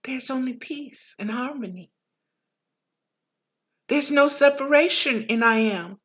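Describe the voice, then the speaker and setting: A woman's voice: high voice, takes it slowly, slightly rough. A woman giving a reflective spiritual monologue as a teacher, in a preaching manner.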